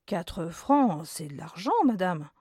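A woman voicing a meek, resigned female servant in a read-aloud story, speaking softly. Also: fairly low pitch, very animated, takes it slowly, slightly rough, no room sound, studio quality, heavily acted. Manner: soft, resigned.

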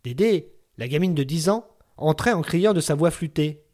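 A man reads a literary story aloud, his voice sitting a little on the high side. His delivery stays measured and steady, the way an audiobook is narrated.

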